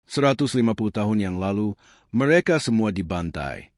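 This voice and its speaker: A man's voice: lowish voice, lively intonation, moderate pace, dry recording, studio quality. A man reading the lines of a young female disciple who speaks lightly and with restraint. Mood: restrained.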